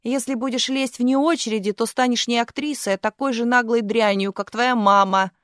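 Woman doing a stuck-up old stage diva, shrill and scolding, storybook reading. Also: fairly even intonation, moderate pace, a bit bright, dry recording, studio quality, close to an everyday voice. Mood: scornful. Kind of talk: audiobook character voice.

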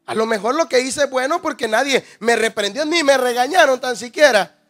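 A man's voice: extremely high pitch, brisk, fairly bright tone. A man preaching a sermon, firing rhetorical questions at the congregation, calling them brother and acting out little scenes. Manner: rhetorical questions, calls listeners "hermano", acts out scenes.

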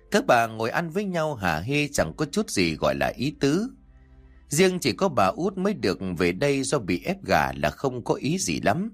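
Man narrating with a wildly lively pitch. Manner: dramatic, expressive reading. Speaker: storyteller. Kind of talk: scripted audiobook narration. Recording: soft background music.

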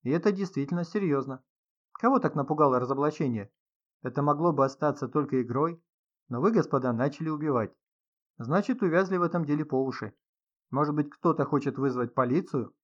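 A man voicing a calm, grim, ironic male host of a mansion, speaking dryly, on a slightly dull recording. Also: a little high, fairly quick, natural voice.

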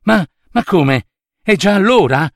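A man's voice: high-pitched, animated, slow pace, no room sound, studio quality, pitched above the performer's own voice, heavily acted. A man voicing a touchy, sad old skeleton made of bird bones, whiny and complaining in a storybook. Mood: gloomy.

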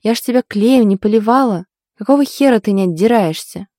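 An audiobook character: a blunt young woman who grumbles and swears, voiced a little higher than the narration by a woman reader. Her tone stays mellow and dark, recorded close and dry, and she slips easily into gossip. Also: brisk, no room sound, natural voice. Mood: exasperated.

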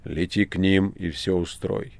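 Мужчина озвучивает надменного древнего князя тьмы — медленно, презрительно и размеренно, в аудиокниге. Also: male voice, low-pitched, steady tone, gravelly, darkish tone, no echo. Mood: scornful. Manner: slow, scornful, measured. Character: haughty ancient male prince of darkness. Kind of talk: audiobook reading.

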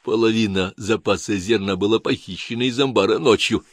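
A man's voice: lowish voice, fairly quick, dry recording, studio quality, close to an everyday voice. A man voicing a fussy, overly friendly chief of guards with a nasal voice, gushing and evasive in an audiobook. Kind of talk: audiobook character voice.

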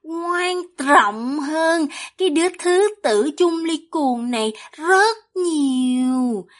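A woman's voice: sits high, lively intonation, slow, pitched above the performer's own voice. A woman voicing a cruel, scheming young demonic sorceress with a haughty, mocking manner in a fantasy audiobook.

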